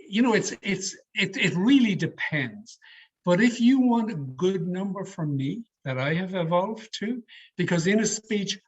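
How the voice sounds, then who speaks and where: A middle-aged Irishman with a slightly high, slightly rough voice leads a public speaking session, coaching in a deliberate, emphatic way. He answers questions on an online video call, and the audio is a little dull and lo-fi.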